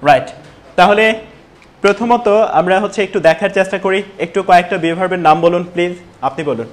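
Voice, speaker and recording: A man's voice: high-pitched, fairly quick. A man teaching spoken to a classroom, asking questions and calling on students. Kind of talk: classroom teaching, mixing Bengali and English.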